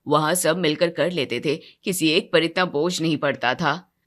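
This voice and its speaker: A woman voicing a weary grown man, a quiet husband in an animated storybook, speaking in a subdued, lowered voice. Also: moderate pace. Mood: reasoning. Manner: subdued, low-key, quietly complaining.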